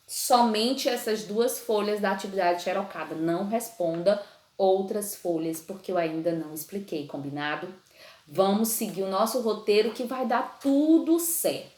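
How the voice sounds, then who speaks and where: A woman's voice: medium pitch, a little mellow, echoey room. A woman teacher giving a remote lesson, stretching and singing out the stressed syllables of example words and checking in often with her students. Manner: drawn-out sung-out stress on example words, frequent "certo?" checks. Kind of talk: remote class lesson on Portuguese accent rules.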